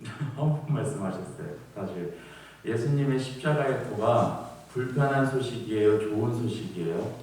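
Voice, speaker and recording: A man's voice: lowish voice, lively intonation, normal speed, hardly any pauses, darkish tone. A man preaching a Sunday sermon, talking with the congregation, asking them questions and acting out the people in his stories. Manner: conversational preaching, asks the congregation questions, acts out voices. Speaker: pastor. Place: church sanctuary. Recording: echoey church hall, mic at a distance.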